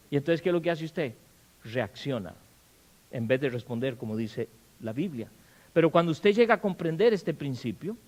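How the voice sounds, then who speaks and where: Guy preaching in church, really lively up and down voice, kinda high, keeps asking the crowd stuff. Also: rough recording. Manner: animated, asks the congregation questions, acts out quarrels in loud bursts. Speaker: pastor. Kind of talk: sermon. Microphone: handheld or stand mic.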